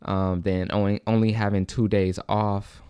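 A young man speaks in a low, mellow voice as he hosts his own podcast. He sounds slightly out of breath and rambles, restarting his sentences as he goes. The recording is dry and close, with almost no room sound. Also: level tone, normal speed, smooth, no echo. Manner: rambling, repeats and restarts, says "like" and "low-key". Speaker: podcast host. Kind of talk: casual solo podcast monologue.

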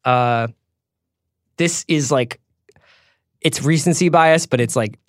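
A man's voice: medium pitch, takes it slowly, no echo, studio quality. An American man speaking as a podcast host, with an informal, emphatic way of talking. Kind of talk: casual film and TV chat, host-read ads.

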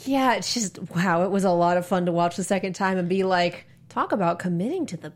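A woman co-hosting a casual podcast chat about a cartoon, playful and expressive, laughing often. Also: on the low side, fairly quick. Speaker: podcast co-host.

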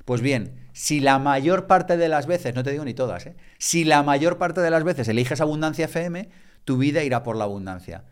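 A man's voice: on the high side, animated, moderate pace, clean tone. A man, a podcast guest talking reflectively and with emphasis in a conversational way.

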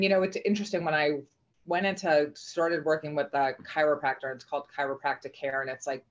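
A middle-aged woman, a podcast guest, talking earnestly and reflectively with many restarts. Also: sits low. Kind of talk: casual conversational interview. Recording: dull lo-fi remote audio.

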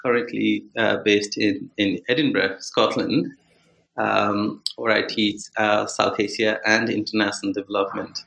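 A man from Nepal answers interview questions in a slow, searching way, stopping often on fillers and restarting his phrases. His voice has a gravelly edge. The room around him rings with echo. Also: fairly low pitch, level tone, a bit bright, highs cut off. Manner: hesitant, many fillers and restarts. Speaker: guest author, anthropologist. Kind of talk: podcast interview.

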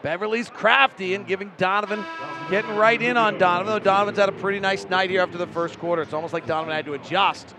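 A man doing live play-by-play for a basketball broadcast, rattling off short clipped calls and rising to shouts on big plays. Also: high-pitched, fairly even intonation, fast talker, music in the background, crowd noise. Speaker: play-by-play commentator.

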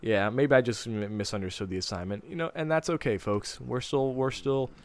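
A man's voice: mid-range voice, brisk, a little mellow. A man co-hosting a casual podcast, enthusiastic and full of "like" fillers, talking in a studio. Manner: enthusiastic, filler-heavy with lots of "like". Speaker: podcast co-host.

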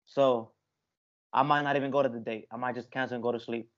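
A man's voice: mid-range voice, fairly even intonation, fast. A man chatting casually as a sports podcast panelist, talking like a slangy frat bro and often repeating his phrases. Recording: slightly dull lo-fi sound.

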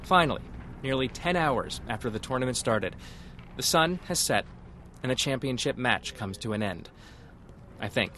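A man's voice: medium pitch, animated, moderate pace, noisy background. A man reporting for public radio, moving between scripted feature narration and field interviews.

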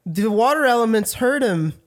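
A woman's voice: a little high, expressive, moderate pace. A woman playing in a tabletop game, playful and giggly. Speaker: player. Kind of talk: tabletop role-play chat.

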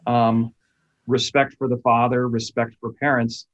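A man interviewing a guest, asking measured, thoughtful questions. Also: mid-range voice, flat delivery, a bit bright, dull audio.

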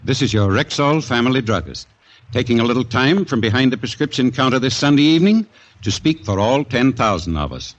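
A man giving an earnest, measured sponsor message in the style of a 1940s radio commercial, heard through an old radio broadcast. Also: medium pitch, expressive. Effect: old radio broadcast sound. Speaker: sponsor spokesman. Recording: dull lo-fi old radio recording.

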